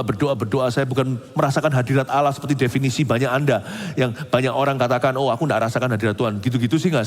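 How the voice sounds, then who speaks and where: A middle-aged male pastor giving an animated sermon, moving between soft, intimate passages and emphatic outbursts, with English phrases mixed in. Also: mid-range voice. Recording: reverberant hall.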